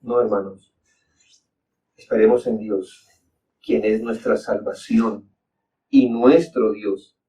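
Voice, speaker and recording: A man's voice: on the low side, fairly even intonation, slow pace, long pauses, mellow. A man preaching a sermon as a pastor, speaking earnestly with repeated exhortations and emphatic rises. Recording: dull distant mic with faint background noise.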